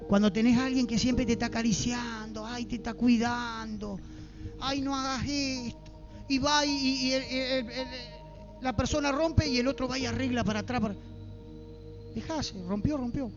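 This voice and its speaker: Man with an Argentine accent, fervent church sermon, very high voice, dull lo-fi sound with faint music behind. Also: fairly even intonation, fairly quick. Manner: fervent, asks the congregation rhetorical questions. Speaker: preacher.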